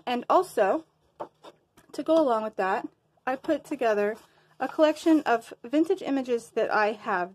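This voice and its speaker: With a fairly high-pitched voice, this crafting vlogger talks informally to her audience as she shows off her work. She's a bit winded and meandering, now and then forgetting where she was going.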